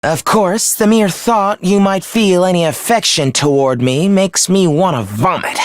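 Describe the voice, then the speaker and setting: An unhurried young man with a high-pitched voice records in studio quality with no room sound. In this video game performance he's a smug, taunting young villain inhabiting someone's head, mocking in a condescending, theatrical way.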